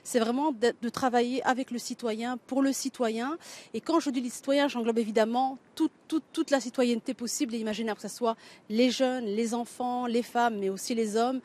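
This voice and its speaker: A woman's voice: a little high, steady tone, fairly quick, darkish tone. A middle-aged Belgian woman, a writer and local candidate, answering interview questions thoughtfully with many hesitations and restarts.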